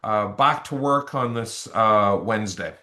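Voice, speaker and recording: A man's voice: fairly low pitch, unhurried, sharp tone, echoey room. A man with a Canadian accent presenting in a webinar, upbeat and rallying with short exhortations to take action. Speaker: webinar co-presenter, sales executive. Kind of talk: motivational webinar wrap-up.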